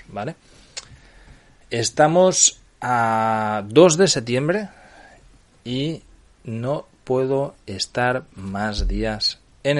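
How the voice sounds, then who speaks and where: A middle-aged man from Spain with a Spanish accent, hosting a solo podcast and explaining things while often checking in with his listeners. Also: mid-range voice. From Barcelona, Spain. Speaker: podcast host.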